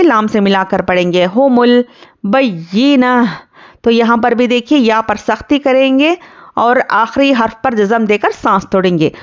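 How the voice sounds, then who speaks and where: A woman teaching tajweed, patiently explaining each rule word by word and reciting the verses slowly and drawn out. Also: a little high, lo-fi sound.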